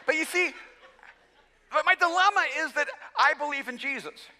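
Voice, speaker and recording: High bright preacher guy from el salvador, joking around, keeps restarting his words, big hall echo. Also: normal speed. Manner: animated, self-mocking humor with frequent stammered restarts. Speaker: pastor. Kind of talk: sermon. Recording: long hall reverb.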